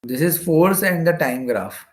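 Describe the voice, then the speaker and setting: This Indian-accented man lectures on physics for exam prep, explaining problems one step at a time, repeating phrases and asking "okay" to check in. His fairly high voice has lively intonation and an unhurried pace, heard with a roomy echo.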